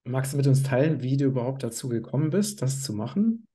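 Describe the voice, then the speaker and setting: A man's voice: medium pitch, animated, fast talker, dark tone. A man hosting an interview, asking friendly questions and affirming with frequent mhm's. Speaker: podcast host.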